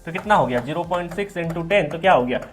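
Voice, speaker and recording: A man's voice: fairly high pitch, animated, quick pace. Chatty male engineering tutor. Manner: talkative, mixing Hindi with English terms and checking in with frequent tag questions. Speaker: exam-prep teacher. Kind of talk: explaining an engineering exam question.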